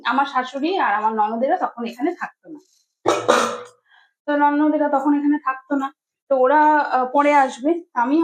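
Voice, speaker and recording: A young mother tells a personal story straight to her viewers. Her voice sits high, and she rambles in a casual, chatty way, circling back with fillers and restarts. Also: rough recording.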